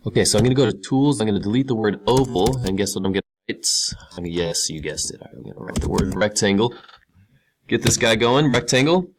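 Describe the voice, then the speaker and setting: A man's voice: on the low side, expressive, fast, slight background noise. A male teacher talking casually through each step of a screen-recorded tutorial, repeating key words for emphasis. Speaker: computer science teacher.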